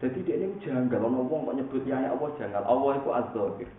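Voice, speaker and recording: A man with a Javanese accent giving a relaxed, humorous religious study sermon. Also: mid-range voice, fast talker. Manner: casual, humorous, mixing in regional words. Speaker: Islamic preacher. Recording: echoey phone-like recording, faint noise.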